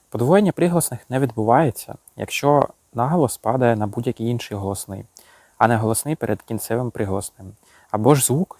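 A man's voice: medium pitch, darkish tone, dry recording, low-quality recording. Man teaching grammar, dry close sound. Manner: explains rules, then reads word pairs and example sentences aloud. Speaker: English teacher. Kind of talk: recorded grammar lesson.

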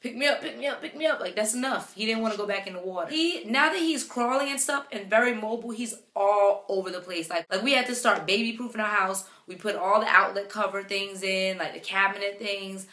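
A young mother talks to the camera in a loose, chatty way, full of "like" and "um", retelling little moments with animation. Her voice is bright and forward. The room around her gives a noticeable echo. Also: mid-range voice, a little fast, hardly any pauses. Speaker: vlogger, mother. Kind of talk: casual chat to camera. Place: home room with her baby beside her. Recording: echoey room.

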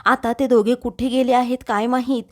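A woman's voice: a little high, little pitch movement, moderate pace, natural voice. A woman narrator reading the lines of a fussy, bossy grandmother. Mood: nagging. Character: fussy grandmother bossing the household.

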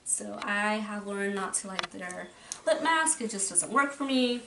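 A woman's voice: medium pitch, a little slow. Chatty woman vlogging in a roomy bedroom. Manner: rambling, chatty, trails off and restarts. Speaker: beauty vlogger. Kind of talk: casual makeup declutter talk. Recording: roomy, from a distance, faint noise.

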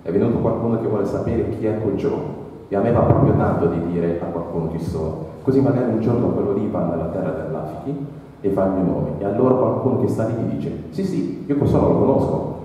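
A man's voice: on the low side, brisk, dark tone, a little hiss or hum, close to an everyday voice. A man reading aloud as a grieving old African man, a humble former slave who speaks in broken, simple phrases, in a plain read-aloud voice. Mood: sorrowful. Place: library reading event. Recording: echoey hall, mic far off.

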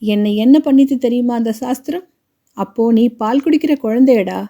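A woman's voice: on the high side, moderate pace, dark tone. A woman voicing an elderly widowed grandmother who talks with impassioned, reproachful pleading. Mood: grieving reproach.

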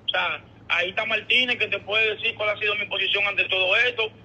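A Dominican caller on a casual, muffled speakerphone call has a high, husky voice with a sharp tone, fairly even intonation and a slightly fast pace. He sounds tinny and explains himself hesitantly, repeating words.

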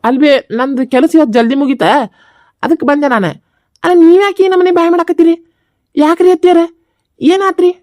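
Woman playing a puzzled young wife, questioning, North Karnataka accent, very high voice. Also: fairly even intonation, a little fast, pauses often, a little mellow, no echo, studio quality. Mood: bewildered. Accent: North Karnataka Kannada. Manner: questioning, bewildered.

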